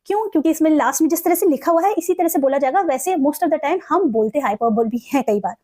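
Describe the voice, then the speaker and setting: Indian woman, high voice, vocabulary teacher, slow careful example sentences. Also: lively intonation, warm tone. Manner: mixes Hindi explanation with slow, carefully read English examples. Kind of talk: explaining word meanings in a lesson.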